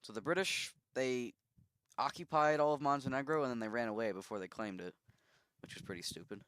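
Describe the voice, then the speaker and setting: A man's voice: mid-range voice, brisk, fairly bright tone, smooth. A man giving casual commentary on a strategy game simulation, musing and thinking aloud with easy asides.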